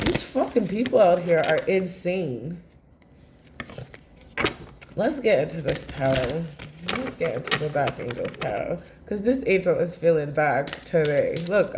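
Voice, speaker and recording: A woman's voice: fairly low pitch, background noise. A woman giving a tarot reading to camera in a blunt, impassioned and rambling way, swearing freely as she talks. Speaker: tarot reader. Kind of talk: casual tarot reading monologue.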